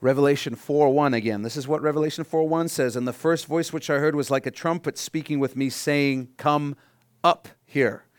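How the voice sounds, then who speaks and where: Emphatic preaching man, fairly high voice. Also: fairly even intonation, normal speed, clear, resonant tone, dry recording, clean studio sound. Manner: asks the congregation questions. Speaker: pastor. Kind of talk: sermon.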